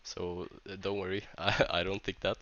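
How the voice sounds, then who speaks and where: A man with a Swedish accent, a tournament organizer who speaks English as a second language, reads a vlog script in a halting, hesitant way with many restarts while sounding stuffy from a cold. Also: sits low, flat delivery, bright, forceful tone, highs cut off. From Sweden.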